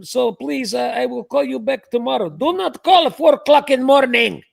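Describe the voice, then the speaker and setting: A man putting on a confused, forgetful caller who leaves a loud voicemail in halting broken English on a livestream prank call. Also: extremely high pitch, expressive, gravelly, no echo, clean studio sound, voice pushed up, full character voice. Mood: exasperated. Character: confused middle-aged man with a fuzzy memory, leaving a voicemail.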